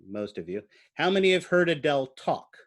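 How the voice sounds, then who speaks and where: A man gives a classroom biology lecture at normal speed, his slightly high voice swinging widely in pitch. He talks in an easy, conversational way, drops in "uh"s and puts questions to the students.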